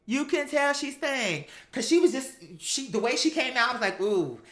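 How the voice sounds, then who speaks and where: Very animated and high-pitched, a woman runs an online talk show where she chats casually through gossipy tales with sassy, profane, dramatic emphasis. She keeps a moderate pace, and her tone is a bit bright.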